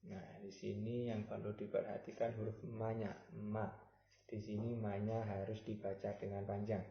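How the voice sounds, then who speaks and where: A man teaching Quran recitation, explaining patiently and chanting example verses slowly. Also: on the low side, flat delivery, creaky. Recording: roomy, slightly dull recording.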